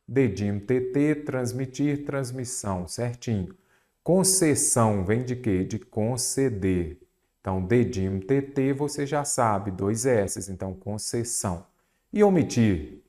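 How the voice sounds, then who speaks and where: A man's voice: mid-range voice, a little slow, warm tone. A Brazilian Portuguese teacher working through exam questions, asking and answering his own questions and stretching key words. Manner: repeats a mnemonic, stretches words for emphasis. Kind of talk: exam-prep lesson, solving questions aloud.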